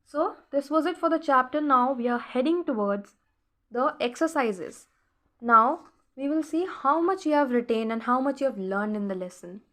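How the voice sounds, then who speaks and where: A woman teaching a beginner lesson, repeating key words slowly and quizzing her learners. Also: sits high, fairly bright tone. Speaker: French teacher. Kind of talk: recorded classroom lesson voice-over.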